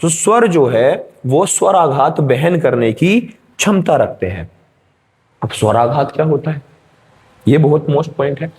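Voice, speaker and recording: Man, teacher, fairly high voice, exam-prep grammar lesson, step-by-step explaining, checks in with students. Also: expressive, a little slow, darkish tone.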